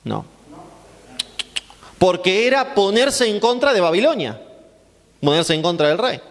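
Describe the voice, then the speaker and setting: A man's voice: sits high, expressive, measured pace. A male pastor teaching a Bible class sermon, asking rhetorical questions and answering them himself, with emphatic repetition. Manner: emphatic, repeating phrases for stress. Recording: long hall reverb.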